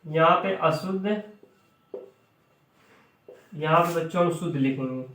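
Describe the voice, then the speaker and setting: A male Hindi teacher with a fairly high voice takes his time, stretching out each word as he writes it. He heard from a distance, with a roomy echo around him. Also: fairly bright tone, a little hiss or hum. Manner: repeats words slowly, often asks and answers himself. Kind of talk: classroom spelling lesson.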